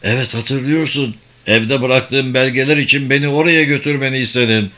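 A man's voice: medium pitch, steady tone, normal speed, pushed and bright, close to an everyday voice. Male narrator doing an older general, proud, cornered, pleading.

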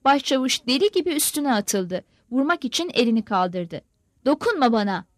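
A woman reading a novel aloud as an audiobook narrator, with expressive delivery. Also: high-pitched, normal speed, dry recording. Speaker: audiobook reader.

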